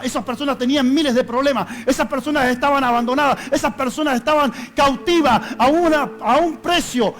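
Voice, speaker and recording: A male pastor giving an impassioned sermon, rising to loud cries and dropping to hushed pleading. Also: extremely high pitch.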